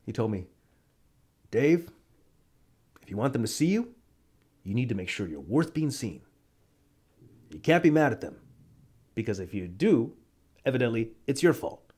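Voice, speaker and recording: A man's voice: medium pitch, very animated, moderate pace, pauses often, darkish tone, slightly rough. An actor playing a strict male teacher who talks in a casual, blunt, chatty way. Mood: reminiscing. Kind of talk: short film acting.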